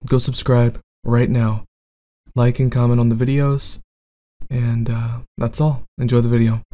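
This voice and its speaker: Mellow man making a casual announcement. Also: medium pitch, level tone, measured pace. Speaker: ASMR video creator. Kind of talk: channel announcement to viewers.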